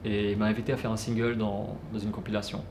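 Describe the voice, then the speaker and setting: A man telling his life story casually, unhurried, with many fillers and restarts. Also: on the low side, little pitch movement. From French Guiana. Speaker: musician. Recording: roomy with clear background noise.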